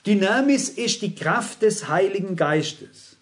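A man's voice: sits high, expressive, slow. A middle-aged man preaching a sermon, frank and emphatic, speaking straight to his listeners. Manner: frank, emphatic, addresses the audience directly.

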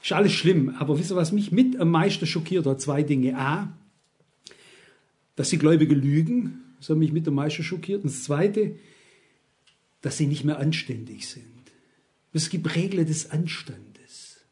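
A man's voice: fairly high pitch, animated, moderate pace, long pauses, a little mellow. A man in his sixties preaching a sermon, emphatic and constantly asking his listeners rhetorical questions.

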